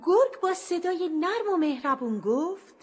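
A woman telling a children's story with lively, expressive narration. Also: very high voice. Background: music.

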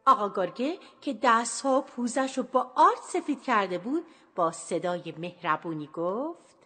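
Expressive woman narrating a children's story. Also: a little high, slightly rough. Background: music.

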